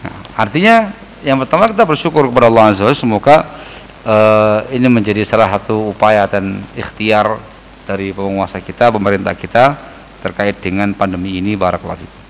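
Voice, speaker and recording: A man, a religious teacher answering questions in a casual study session, lively and acting out the people he quotes. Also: on the low side, a little fast, vocal fry, long reverb tail, a little hiss or hum, poor audio. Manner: lively, mixes Javanese phrases, acts out quoted people.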